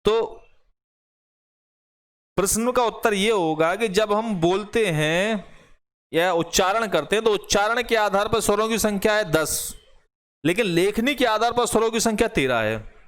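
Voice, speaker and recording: Man, high voice, online grammar teacher, step-by-step explainer who repeats examples and quizzes the class. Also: lively intonation, a little slow, long pauses, fairly bright tone, clear, resonant tone. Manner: explains step by step, repeats examples aloud and asks rhetorical questions.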